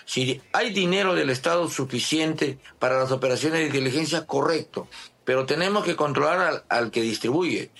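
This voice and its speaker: A man's voice: fairly high pitch, a bit bright. A man, a police colonel guest, explaining step by step in a TV interview. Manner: explanatory, methodical. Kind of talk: TV studio interview.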